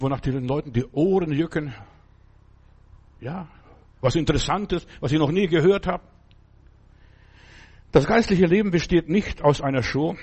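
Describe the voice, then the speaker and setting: Husky-voiced man preaching conversationally. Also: medium pitch, a little mellow. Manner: conversational preaching with frequent asides to the listener. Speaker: pastor. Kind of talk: sermon.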